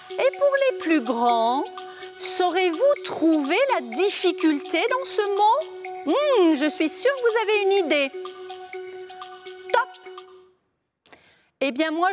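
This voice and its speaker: A woman teacher giving a slow, clearly articulated spelling dictation, stressing each word she repeats. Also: very high voice, in a large hall. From France. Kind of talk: spelling lesson video.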